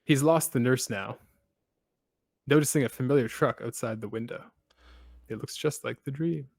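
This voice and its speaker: A man's voice: mid-range voice, normal speed, gravelly, no echo. Man recapping a story on a podcast. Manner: steady storytelling with dry asides. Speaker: podcast host. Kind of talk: casual plot recap.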